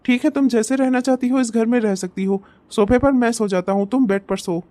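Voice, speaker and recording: A woman's voice: on the high side, steady tone, a little fast, mellow, dry recording, natural voice. A woman voicing a young husband in a cartoon, firm and reasoning in the way he talks. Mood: calm. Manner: stern, then reasoning. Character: young husband, bossy at first, then calm.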